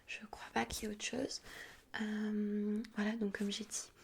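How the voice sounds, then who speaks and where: A young woman from France in a whispered role-play, chatting as a friendly student flatmate and rambling with many fillers. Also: mid-range voice, a little slow, creaky, breathy edge. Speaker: ASMR artist.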